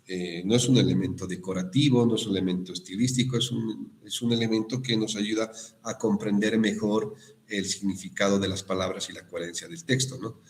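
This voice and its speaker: A male teacher giving an online class on spelling and accents, explaining slowly with frequent checking questions and restarts. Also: on the low side, fairly even intonation. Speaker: university language teacher.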